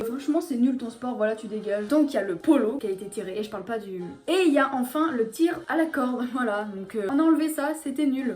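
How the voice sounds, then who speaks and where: A woman's voice: high voice, darkish tone. A French woman vlogging, explaining a topic with playful jokey asides to her viewers. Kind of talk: casual explainer video.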